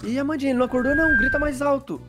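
A woman's voice: high voice, racing, over loud music, natural voice. A woman voicing a playful, bossy boy in a Minecraft role-play, with a Brazilian accent, egging the others on. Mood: scheming. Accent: Brazilian Portuguese. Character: scheming playful boy Vitinho.

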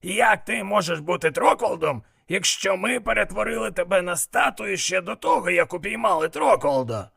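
A wary imp henchman, voiced by a male reader, high and husky with a lively, jumpy pitch. He grumbles and hisses like a nervous storybook goon. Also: normal speed, few pauses, exaggerated voice. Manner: grumbling, hissing.

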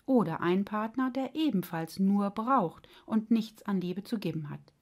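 A woman voicing a wise, patient heart that explains things gently and sometimes grumbles. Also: medium pitch, moderate pace, natural voice.

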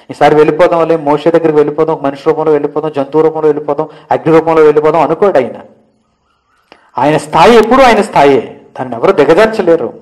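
A man's voice: sits high, rough recording. A man teaching a Bible lesson, preaching with rising emphasis and firing off rhetorical questions. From India.

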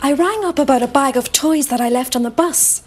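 A woman playing a friendly grown-up who reads a picture book aloud to children in a sing-song, expressive way. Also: sits high, a little fast, noisy background, natural voice. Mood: cheerful. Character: friendly grown-up carer named Judy. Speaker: storyteller to children. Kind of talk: children's TV acting, reading aloud.

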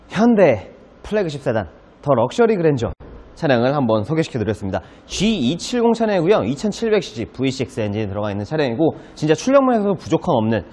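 A man's voice: a little high, a little mellow, breathy edge. A man in his thirties presenting a car as a used car dealer, with polite, enthusiastic salesman patter in a casual walkaround style. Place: inside a car and in an underground car park.

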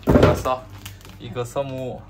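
A man speaks in a thick Tsugaru dialect of Aomori, chatting casually with a playful, bantering manner. His pitch sits at an ordinary middle level. Heavy noise from the surroundings runs through the recording. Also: flat delivery, takes it slowly. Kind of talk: casual chat. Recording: noisy location recording, clear background noise.

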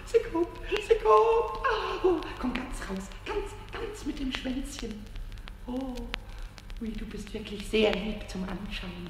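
A man's voice: very high voice, echoey room, long reverb tail, a little hiss or hum, heavily acted. An actor voicing a mischievous, childlike little male kobold in a vintage radio play, stammering, giggling, and jumping between whispers and squeals. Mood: hushed wonder.

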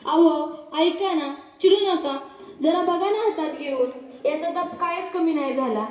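A woman's voice: very high voice, a little slow. A performer playing an anxious, devoted young village mother in a school stage play, pleading with an emotional delivery. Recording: echoey hall, dull sound, faint music.

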